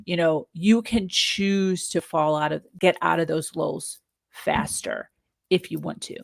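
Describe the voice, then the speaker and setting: A woman's voice: sits low, fairly even intonation, measured pace, creaky, no echo, clean studio sound. A woman entrepreneur as an interview guest, speaking upbeat and earnest about motivation. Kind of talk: casual interview chat.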